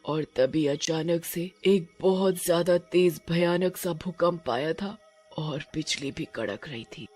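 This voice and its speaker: A woman voicing a sorrowful female ice witch ghost in a cartoon, telling her story slowly and mournfully. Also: low voice, warm tone. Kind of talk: Hindi cartoon voice acting.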